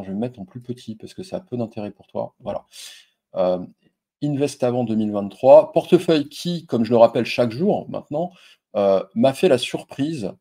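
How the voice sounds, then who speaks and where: A casual male stock investing host gives a screen-share explainer in a husky, warm, low voice. Loose and chatty, he talks straight to camera, addresses the viewer informally, swears freely and uses frequent fillers and crude slang.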